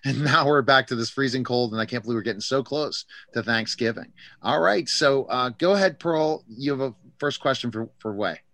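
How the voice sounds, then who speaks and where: A man's voice: medium pitch, a little fast, hardly any pauses, bright, forceful tone, dry recording. A man hosting a radio interview show in a conversational, chatty style.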